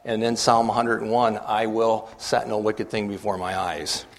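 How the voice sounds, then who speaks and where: A man's voice: on the low side, little pitch movement. Earnest older man in a reverberant hall. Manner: earnest, halting, repeats words, asks the audience questions. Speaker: church committee member speaking at a meeting. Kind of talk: earnest talk to an audience.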